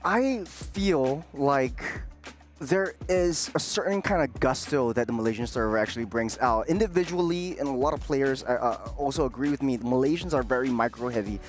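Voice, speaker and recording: A man's voice: medium pitch, moderate pace. A man breaks down an esports match on an analyst desk. He thinks aloud with frequent filler sounds. Faint music plays behind him. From Singapore.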